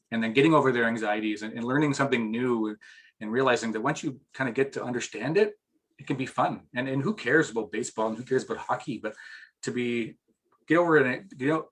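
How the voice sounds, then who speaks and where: A man's voice: mid-range voice, a bit bright, husky. A middle-aged man as an interview guest, chatting casually and rambling with restarts, getting emotional at times.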